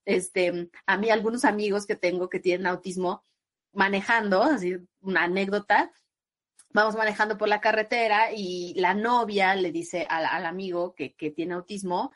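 A woman with a Mexican accent, a psychologist guest on an interview podcast, explaining at length in a conversational way and bringing in quoted voices with lively pitch jumps. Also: moderate pace.

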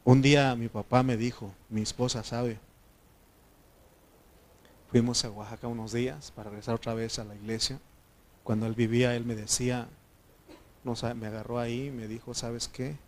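A man's voice: mid-range voice, flat delivery, normal speed, long pauses, slight background noise. A man preaching a sermon in a conversational way, often asking the congregation questions. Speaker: pastor.

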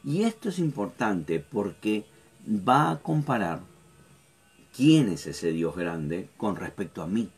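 A man's voice: on the low side, big pitch swings, slow, breathy edge. A man teaching a Bible study, hesitant, with many fillers, often checking in with his listeners.

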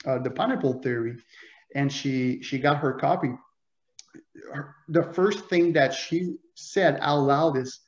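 A guest author whose first language is French tells a story in a conversational interview, animated and full of analogies and fillers. His middle-pitched voice is unhurried, and the recording sounds roomy, echoey, dull and lo-fi.

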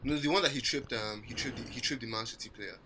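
A man's voice: mid-range voice, quick pace, bright, forceful tone, low-quality recording. A man co-hosting a podcast in a laid-back, casual sports chat. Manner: laid-back, uses Nigerian slang like "sef" and "let me not lie". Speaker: podcast co-host.

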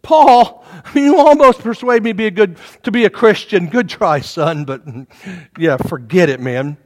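Brief: casual, dismissive ancient king, played by a man, lively high voice, hall reverb. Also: a little slow. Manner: casual, brushing off. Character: skeptical ancient male king, amused and dismissive.

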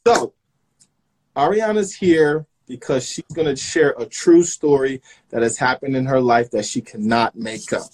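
A man hosting a live online chat show, lively as he explains the rules to viewers. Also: mid-range voice, unhurried, low-quality recording. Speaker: host.

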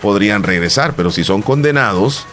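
A man's voice: on the low side, expressive, fairly quick, fairly bright tone, soft background music. Salvadoran man telling a story. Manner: storytelling, emphatic repetitions. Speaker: podcast co-host. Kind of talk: casual chat.

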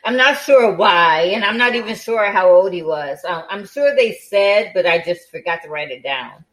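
A woman's voice: mid-range voice, animated, normal speed, a bit bright, poor audio. A woman hosting a podcast in casual chat, tired and yawning, with many fillers and restarts. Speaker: podcast host.

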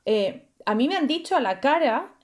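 Woman, fairly high voice, blunt, casual podcast chat. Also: big pitch swings, normal speed. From Spain. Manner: outspoken, blunt. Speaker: podcast co-host.

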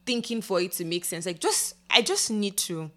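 A woman's voice: mid-range voice, big pitch swings, moderate pace. A woman co-hosting a podcast, chatting casually and animatedly, exclaiming and laughing as she talks. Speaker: podcast co-host. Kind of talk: casual chat.

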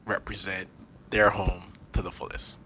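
A man with a Barbadian accent hosting a radio countdown show, chatting casually and giving shout-outs. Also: low voice, normal speed, breathy edge. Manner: lively, shouts out to artists.

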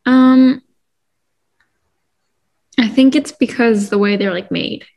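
A woman's voice: a little high, slow pace, vocal fry, darkish tone. A young woman co-hosting a podcast in casual chat, talking in a chatty way with many "like" and "um" fillers. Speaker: podcast co-host.

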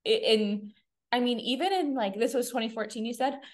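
A woman's voice: fairly high pitch, moderate pace. A woman hosting a podcast interview, listening closely and chiming in with short affirmations and questions. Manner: attentive, frequent short affirmations. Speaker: podcast host. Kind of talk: casual interview chat.

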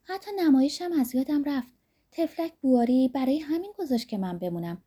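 A playful, coy young woman in an audiobook, voiced by a woman narrator, her voice lifted higher with a teasing, breathless lilt. The tone stays mellow and a little husky. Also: lively intonation. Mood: flustered.

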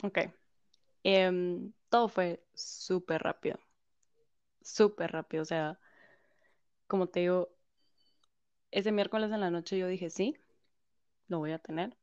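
A woman's voice: on the low side, slow pace, long pauses, clear, resonant tone, no echo. Woman telling her story. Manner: animated storyteller, quotes others, laughs often. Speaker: guest. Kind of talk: personal story in conversation. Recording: slightly dull, dry.

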